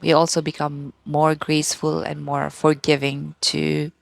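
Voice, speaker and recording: A woman in her thirties with a Filipino accent talks in a soft, unhurried ASMR style, pausing often and starting sentences over. Her voice is low and heavily gravelly with fry, slow in pace, and recorded dry and close with no room sound. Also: completely flat delivery, dry recording. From Philippines. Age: 30s. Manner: slow and gentle, with pauses and restarts. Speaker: ASMR vlogger. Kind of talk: soft-spoken ASMR talk.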